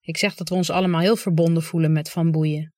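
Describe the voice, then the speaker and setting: An audiobook reader narrating a first-person literary story in a calm, understated way. The voice sits in a middle range. The recording is dry and close. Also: medium pitch, fast, no echo.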